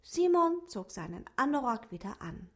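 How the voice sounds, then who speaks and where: A woman reading a children's story aloud, expressive and pausing to ask her listeners questions. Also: high-pitched.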